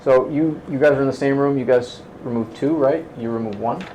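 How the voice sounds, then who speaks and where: A man narrating and explaining rules as game master, with halting restarts. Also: medium pitch, dark tone, a little hiss or hum, low-quality recording.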